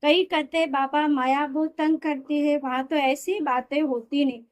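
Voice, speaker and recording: A woman reading a spiritual discourse aloud in a steady, explanatory way, sometimes correcting herself mid-word. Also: high voice, measured pace. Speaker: reader of a daily spiritual discourse.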